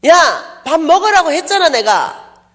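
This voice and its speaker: A woman preacher voicing her pushy, generous woman friend from Busan, who scolds loudly and insists. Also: high voice, expressive, normal speed, voice pushed up. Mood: insistent.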